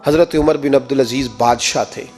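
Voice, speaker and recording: A man's voice: medium pitch, steady tone, a little mellow, soft background music. A man delivering an impassioned Urdu sermon with a Pakistani accent, telling stories and acting out the voices of the people in them. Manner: impassioned storytelling, acts out quoted voices. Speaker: preacher.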